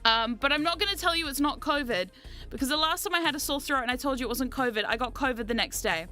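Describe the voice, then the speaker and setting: Woman, jet lagged, slight sore throat, very high voice, bright tone, giggly rambling streamer chat, sweary, faint background music. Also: fast talker. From New Zealand. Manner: excitable, giggly, rambling, playfully dramatic, sweary. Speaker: VTuber streamer and host. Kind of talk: casual livestream chat with viewers.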